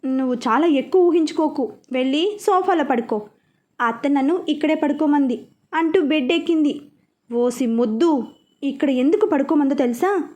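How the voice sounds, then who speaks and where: A woman's voice: high voice, normal speed, warm tone. A woman narrating a story and reading every character's lines in her own voice.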